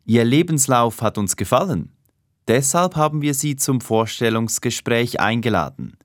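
A man's voice: medium pitch, animated, moderate pace, no echo, clean studio sound, lightly acted. A man playing a formal, businesslike personnel manager interviewing an applicant in a scripted dialogue for language learners. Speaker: head of personnel conducting an interview.

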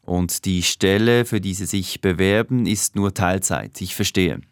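Man doing formal personnel manager, scripted learner dialogue, low voice, polite businesslike tone. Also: a little slow, no room sound, clean studio sound. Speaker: head of personnel conducting an interview.

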